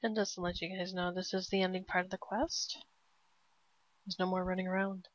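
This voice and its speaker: A woman casually narrating a game walkthrough step by step, relaxed and prone to laughing. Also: lowish voice, fairly quick, a little hiss or hum. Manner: relaxed, laughs often, cheers at a blast. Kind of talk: casual gameplay commentary. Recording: dry, slightly dull lo-fi.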